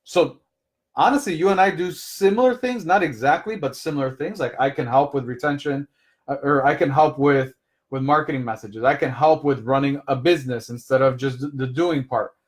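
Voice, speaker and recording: A man with a medium-pitched voice, speaking at a normal speed, gives business advice in a live coaching session. He talks conversationally, explains through personal examples, and keeps checking in with "right?"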